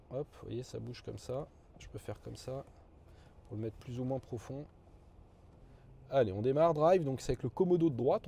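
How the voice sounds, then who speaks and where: A man's voice: mid-range voice, creaky, dark tone, slight background noise. A man giving a casual, chatty car review, talking viewers through the cabin and a test drive. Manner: chatty, explanatory, addresses viewers directly. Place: inside an electric car, parked then driving.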